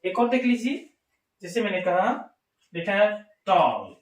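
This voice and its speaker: A man's voice: high-pitched, big pitch swings, measured pace. A man with an Indian accent teaching an English lesson to a class, asking questions and answering them himself. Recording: echoey room.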